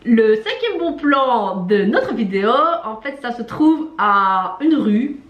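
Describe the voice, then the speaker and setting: The recording is muffled and echoey, and a woman with a fairly high, very animated voice speaks slowly. A travel vlogger co-hosting the video, she guides casually and chattily, with many fillers and laughter at her own expense.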